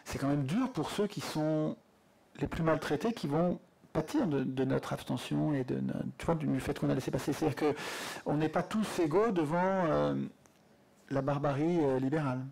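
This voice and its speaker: A man speaking at a public conference debate into a handheld mic in a lecture hall, animated and insistent. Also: on the high side, moderate pace, gravelly, breathy edge.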